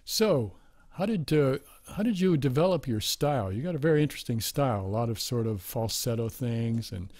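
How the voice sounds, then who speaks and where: A man hosting a live radio music show, reading credits and sponsor notes and chatting with a guest in a relaxed, laughing way. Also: mid-range voice, fairly quick, no echo. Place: radio studio.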